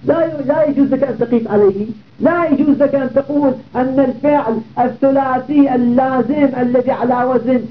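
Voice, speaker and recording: A man's voice: extremely high pitch, a little fast, few pauses, a little hiss or hum. A man giving a classroom grammar lesson, repeating word patterns and asking his listeners rhetorical questions. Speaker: Arabic grammar teacher. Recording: tinny phone-like audio.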